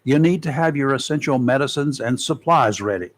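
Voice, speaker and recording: A man's voice: mid-range voice, lively intonation, fairly quick. A man hosting a local radio talk show, reading safety tips with folksy, joking asides. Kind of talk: casual radio talk and read-out segment. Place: radio studio.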